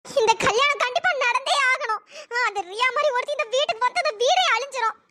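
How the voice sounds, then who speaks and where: A stubborn, scheming cartoon mother, voiced by an actor, pleading and threatening in a melodramatic way. Her pitch-raised voice sits extremely high and sounds bright and piercing. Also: fast, no echo, studio quality. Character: stubborn scheming mother, middle-aged woman. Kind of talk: cartoon drama dialogue.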